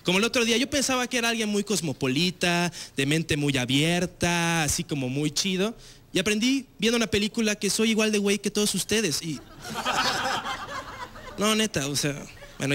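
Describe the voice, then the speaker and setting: A man's voice: sits high, lively intonation, a little fast, a bit bright. A young Mexican man with a Mexican accent doing a slangy, casual stand-up comedy set on a TV stage. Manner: loose, slangy, frequent filler tags. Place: TV studio stage with live audience.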